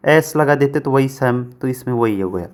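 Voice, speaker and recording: A man teaching an exam-prep grammar lesson at a middle pitch. He asks each question and answers it himself, repeating the answer. He reads the English example sentences slowly, word by word.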